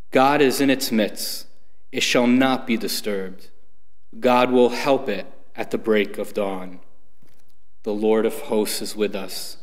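A man reading scripture and leading the psalm at Mass in a steady, solemn way, with a cathedral echo around his voice. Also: medium pitch. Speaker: lector. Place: large church. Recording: long church reverb.

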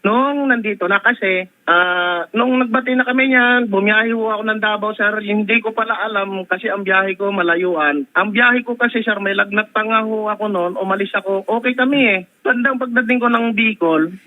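Over a tinny phone line, a husband responds defensively to a complaint, calling the host "sir" again and again. He has a high-pitched voice and speaks at a moderate pace.

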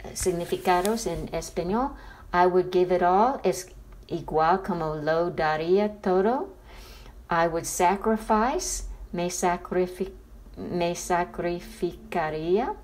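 A woman teaching a language lesson, explaining slowly and carefully and often restarting her sentences. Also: lowish voice, darkish tone.

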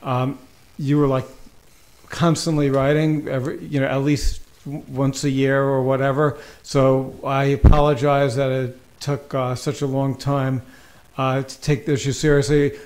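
A man's voice: mid-range voice, level tone, normal speed, a little mellow. A man on a town board, speaking hesitantly with fillers in an apologetic, acknowledging manner. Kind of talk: meeting remarks.

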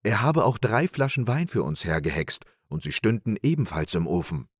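A man's voice: fairly low pitch, very animated, normal speed, no echo, studio quality. A man voicing a sly, cheerful young peasant trickster in an audiobook fairy tale, in an eager, persuasive manner.

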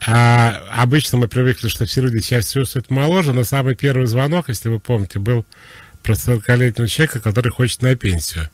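A man giving psychological advice on a radio call-in show, explaining in a relaxed, conversational way. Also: mid-range voice, fast, no room sound.

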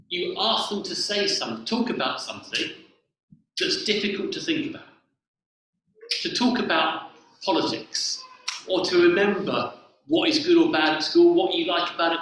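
A vicar in his forties leads an all-age sermon in a church hall with a lectern, playfully guiding his congregation through games. His voice sits high with a fairly bright tone. A camera on the floor captures it from far off, so the church sounds echoey.

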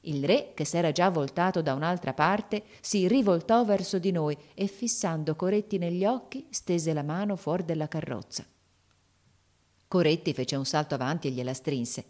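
A woman narrating an audiobook of a classic novel, reading expressively and lifting her voice for the characters' shouts. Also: on the low side, normal speed.

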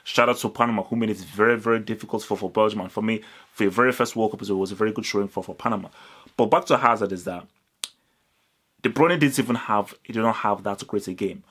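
Young man, football vlog, low pitch, animated, repeating words, close mic. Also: fast, husky. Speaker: football channel host. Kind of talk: direct-to-camera football analysis. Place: indoors, small room with curtains.

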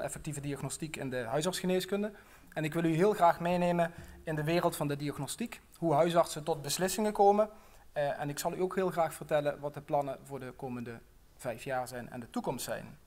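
A man's voice: on the high side, darkish tone. Middle-aged man giving an academic lecture. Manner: friendly, with frequent fillers, tells a tale. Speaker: professor and general practitioner. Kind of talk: inaugural lecture with storytelling.

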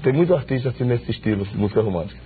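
A man's voice: medium pitch, rapid-fire, a little hiss or hum. Middle-aged man from Sergipe, tinny sound. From Sergipe, Brazil. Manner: relaxed, many hesitant fillers. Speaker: band singer. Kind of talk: casual interview chat. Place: TV studio. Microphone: lapel. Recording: tinny lo-fi broadcast audio with guitar.

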